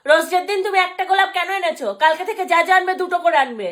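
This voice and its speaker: A young mother and family vlogger, her voice extremely high, racing, and a bit bright, squabbles playfully with her little daughter in a home phone video. She teases and bickers in a mock-indignant way for the camera.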